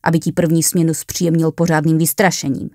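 A woman's voice: sits low, flat delivery, darkish tone, no echo, studio quality. A woman voicing a grumpy young male coworker in a hurry to leave, who speaks in a curt, dismissive way.

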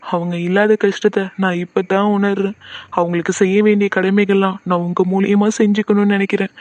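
A man's voice: sits high, darkish tone, natural voice. A man voicing a kind, humble young man in a cartoon, who speaks in an earnest, pleading way.

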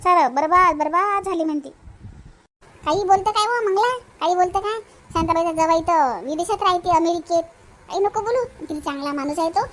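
A woman doing a shrill gossiping village woman. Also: a little fast, fairly bright tone. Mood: gossipy. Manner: chattering, repeats gossip with rising exclamations. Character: gossiping middle-aged village woman, nosy and excitable. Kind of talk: cartoon voice acting.

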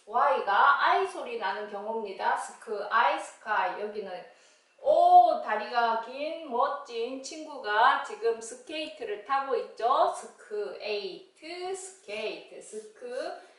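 A woman teaching English phonics, sounding out words slowly, syllable by syllable. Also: on the high side, expressive, fairly bright tone, distant mic. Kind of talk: slow instructional phonics lesson. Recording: very echoey room, voice a bit off-mic.

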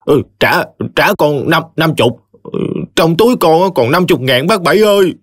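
A man's voice: a little high, animated, moderate pace, voice pushed up. A man voicing a stubborn young thief who stammers out a plea in a Southern Vietnamese accent. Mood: pleading.

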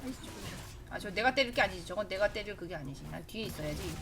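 A woman's voice: medium pitch, quick pace. A woman streaming a game live, reacting to the match as she plays, with yelps and bursts of laughter. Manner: excitable, talks to herself, yelps and laughs. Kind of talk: live gameplay commentary.

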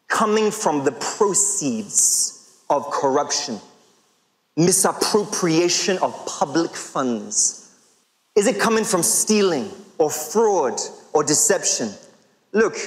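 A man in his thirties preaching a sermon to a large congregation, emphatic and full of rhetorical questions with drawn-out pauses. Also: on the high side. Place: large church hall with congregation. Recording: long reverb of a big hall.

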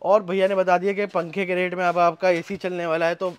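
A young man vlogging while walking through a large indoor warehouse, hyping the stock to his viewers in a fast promotional style. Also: high-pitched, level tone, clear, resonant tone. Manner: hype-driven, addresses viewers as friends.

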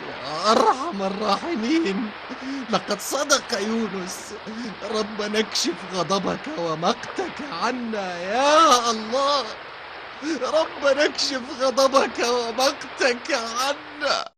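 A man voicing ancient townsmen in a cartoon, talking emphatically and with lively delivery. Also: high-pitched, unhurried, creaky, noisy background, heavily acted. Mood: pleading. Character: ancient townsman, mocking then terrified.

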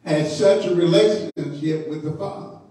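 A man's voice: on the high side, mellow. A man, a bishop, teaching a midweek Bible study sermon in a church, drawing out his phrases and calling out to the congregation for responses. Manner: unhurried, drawn-out phrases with call-and-response to the congregation. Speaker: bishop preaching. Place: church sanctuary. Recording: echoey church hall from far off.

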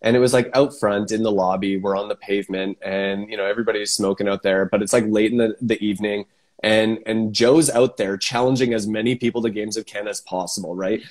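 A man's voice: on the low side, fairly even intonation, fairly quick, a little mellow. A man hosting a casual live interview, talking in a laid-back, enthusiastic way with lots of fillers. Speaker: podcast host.

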